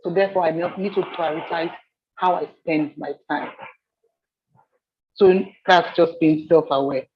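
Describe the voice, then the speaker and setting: A woman from Nigeria leading a soft skills training session, telling stories with animated repetition. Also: low-pitched, measured pace, pauses often, highs cut off, a little hiss or hum. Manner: animated storyteller, repeats phrases. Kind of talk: training seminar talk.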